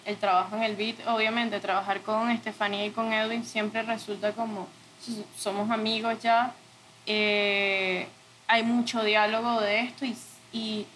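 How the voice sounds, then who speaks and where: Woman, slightly high voice, thoughtful interview guest, some background noise. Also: pushed and bright, low-quality recording. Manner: thoughtful, searching for words with self-corrections. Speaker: interview guest, audiovisual art director. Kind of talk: conversational interview, reflective.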